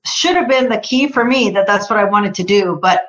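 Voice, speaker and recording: A woman from Costa Rica with a Spanish accent, a guest chatting in a friendly, relaxed way with many fillers. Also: medium pitch, fairly quick, muffled recording. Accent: Costa Rican Spanish. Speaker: guest, tech executive. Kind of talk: casual interview chat.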